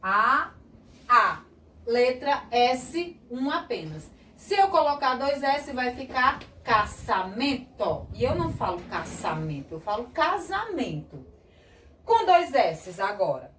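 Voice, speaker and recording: Slow, sing-song Brazilian woman teacher. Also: sits high, big pitch swings, a bit bright. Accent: Brazilian Portuguese. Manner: slow, sing-song, exaggerated word sounding. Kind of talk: children's lesson. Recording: echoey room, a bit far from mic.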